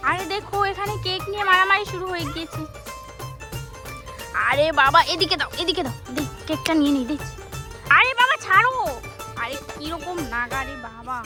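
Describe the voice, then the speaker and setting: A woman's voice: very high-pitched, animated, normal speed. A woman vlogger narrating a doll wedding game, coaxing and exclaiming as she goes. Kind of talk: casual narration of doll play. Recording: music playing underneath.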